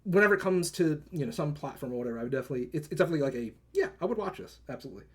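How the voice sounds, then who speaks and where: A man's voice: on the high side, very animated, racing, slightly rough. A man co-hosting a live movie podcast, recapping plots in rambling casual chat full of "like" and "right?", acting out characters' lines. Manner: rambling, filler-heavy, lots of "like" and "right?"; acts out characters' lines in quotes. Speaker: podcast co-host.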